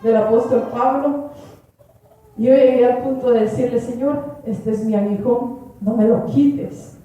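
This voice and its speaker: High-voiced woman testifying in an echoey church. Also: fairly even intonation, a little slow, mellow. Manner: earnest, prays aloud and addresses the congregation as brothers. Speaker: church member giving testimony. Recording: echoey church hall from far off.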